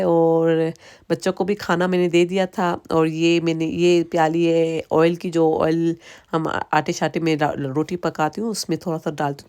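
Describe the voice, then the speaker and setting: A woman's voice: sits low, mellow. A woman in her thirties, a native Sindhi speaker with a Sindhi accent, chatting casually and rambling through a home vlog. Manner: chatty, rambling, frequent restarts and asides. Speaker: vlogger.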